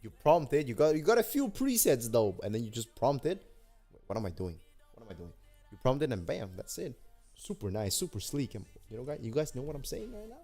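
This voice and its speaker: A young Danish man livestreams an app builder demo, his mid-range, dark-toned voice very animated and fairly quick over soft background music. He talks to chat in hyped, slangy bursts, repeating himself a lot.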